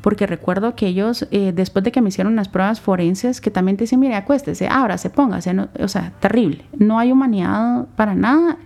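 Young woman, Guatemalan accent, interview guest; warm, dark voice, reflective and halting. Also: medium pitch, gravelly. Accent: Guatemalan Spanish. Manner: earnest, reflective, speaks in short halting phrases. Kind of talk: personal testimony in a sit-down interview.

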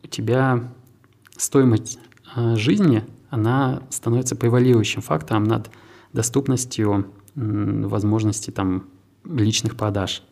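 Answering interview questions, the head of a tech park speaks in a low, husky, gravelly voice with a dark timbre. His delivery is measured and businesslike, his tone steady, and now and then he restarts a phrase.

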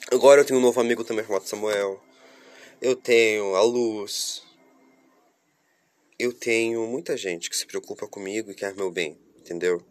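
Guy w rambling to his viewers, nose all blocked up from a cold, mid-pitched voice. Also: dry recording. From Curitiba, southern Brazil. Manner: rambling, talks straight to viewers. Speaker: vlogger. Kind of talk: casual confessional monologue.

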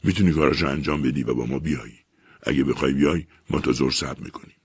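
Storybook: man doing a calm consoling friend, deep, husky, gentle. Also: no room sound, studio quality, exaggerated voice. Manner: gentle, reassuring. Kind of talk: audiobook narration.

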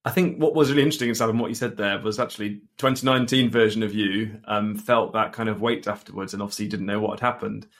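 A man co-hosting a podcast who speaks from a teacher's view in a brisk, analytical way. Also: lowish voice, fairly even intonation, a bit bright. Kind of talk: casual chat.

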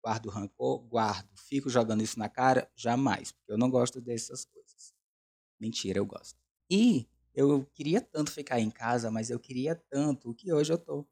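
A Brazilian man in his twenties hosts a podcast, chatting casually in a confessional way. His voice is medium-pitched and a little mellow, moving at normal speed, and his manner is campy, self-mocking and full of slang.

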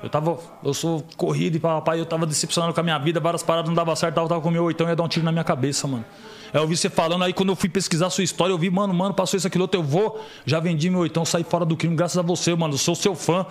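A middle-aged Brazilian man speaks quickly in a fairly high voice as a podcast guest. In relaxed conversation he tells stories with animation, performing the voices of the people he quotes.

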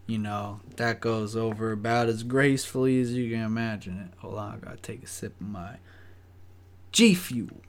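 A man's voice: fairly low pitch, fairly even intonation, moderate pace. A young man casually telling a story, rambling and swearing with lots of fillers. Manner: profane, rambling, full of fillers.

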